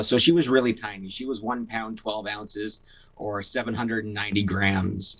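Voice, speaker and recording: A man's voice: lowish voice, fairly bright tone, rough recording. A young man from Canada, telling a personal story in a casual interview, earnest, with many fillers and restarts. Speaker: guest.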